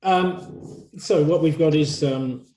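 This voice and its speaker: A man's voice: fairly high pitch, takes it slowly, mellow, roomy sound, slight background noise. A man lecturing a university workshop, thinking aloud with many fillers and restarts.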